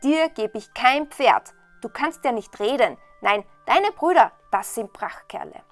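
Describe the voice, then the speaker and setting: A woman voicing a stern, gruff old father who speaks slowly and dismissively. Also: fairly high pitch, lively intonation, faint music behind, lightly acted. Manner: slow, dismissive.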